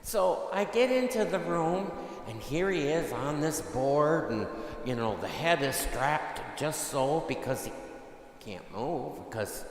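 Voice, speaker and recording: Slow-talking priest in an echoing church. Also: male voice, fairly high pitch, big pitch swings. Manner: conversational storytelling, many "you know" fillers. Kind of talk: homily. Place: large church. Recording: echoey church with long reverb.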